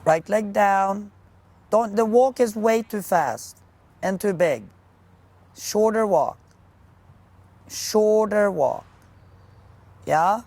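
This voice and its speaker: A woman coaching a riding lesson live, giving brisk, projected commands in short, repeated phrases. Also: mid-range voice, animated, a little mellow, no room sound.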